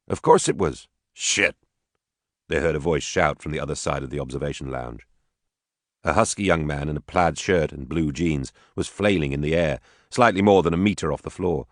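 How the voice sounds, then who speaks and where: A man narrating an audiobook in a steady, even reading voice. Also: rumbling low, no room sound, studio quality. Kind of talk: scripted narration.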